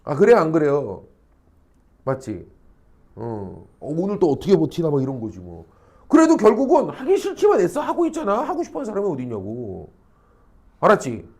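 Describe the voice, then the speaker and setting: Animated male teacher lecturing a class. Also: a little high, moderate pace, pauses often. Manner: animated, acts out quoted people, frequent rhetorical check-ins, salty slang. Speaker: high school social studies teacher. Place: academy classroom.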